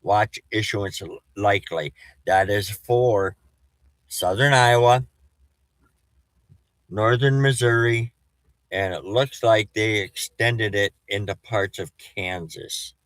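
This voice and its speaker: Slow-talking man with whistling s sounds. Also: on the low side, fairly even intonation, a bit bright, no echo, low-quality recording. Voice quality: whistling s from false teeth. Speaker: storm chaser giving a weather update. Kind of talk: casual, rambling live weather update.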